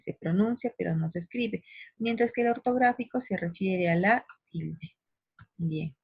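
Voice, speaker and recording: Woman, teacher, patient grammar lesson, husky voice, dry tinny phone-like sound. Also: mid-range voice, no room sound. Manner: patient, slows down to stress syllables, addresses listener directly.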